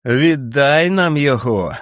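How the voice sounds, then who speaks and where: A man voicing a chorus of jeering beast-men who taunt and chant in slow, drawn-out calls. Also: mid-range voice, lively intonation, a bit bright, pitched above the performer's own voice.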